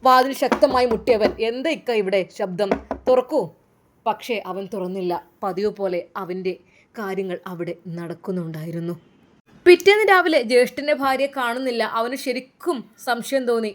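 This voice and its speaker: A woman's voice: mid-range voice, normal speed. A woman narrating a dramatic family story with emphatic delivery.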